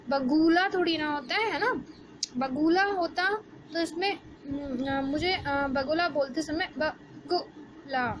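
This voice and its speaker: A woman, teaching a Hindi lesson to young children and asking the class questions as she explains slowly. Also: sits high. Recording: background noise.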